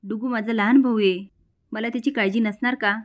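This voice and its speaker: A woman's voice: fairly high pitch, fairly even intonation, a little fast, lightly acted. A woman voicing a spiteful, jealous young woman, reading her lines out plainly within a recap. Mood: indignant.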